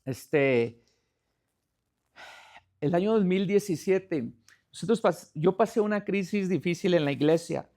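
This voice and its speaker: Male pastor, high voice, gravelly, preaching, asks the congregation questions. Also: lively intonation, unhurried, long pauses, warm tone. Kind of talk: sermon.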